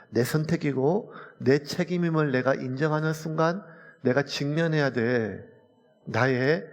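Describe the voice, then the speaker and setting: Gravelly, husky pastor preaching in a church. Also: male voice, medium pitch. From South Korea. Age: late 40s. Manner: earnest, conversational preaching with personal anecdotes. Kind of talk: sermon. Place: church sanctuary. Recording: reverberant church hall.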